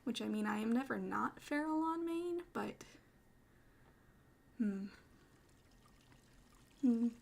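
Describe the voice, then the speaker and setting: Playful quiet-talking woman streamer. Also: a little high, animated, slow, creaky, long pauses. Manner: playful, rambling, drifts into soft whispers. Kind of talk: quiet casual ASMR chat.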